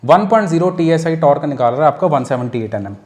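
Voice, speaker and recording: Earnest man explaining in steady detail. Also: on the high side, fast talker. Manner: earnest, explains step by step, repeats key figures; mixes English phrases into speech. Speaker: guest explaining car engines. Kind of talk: casual explanatory chat.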